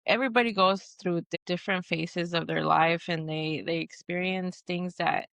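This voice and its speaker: A woman from Texas with a lowish, smooth, clear voice answers interview questions in an earnest, conversational way. She often restarts her sentences and uses fillers, and the recording is close and dry. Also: fairly even intonation, moderate pace, a bit bright, no echo. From Texas, USA. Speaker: guest, Marine veteran.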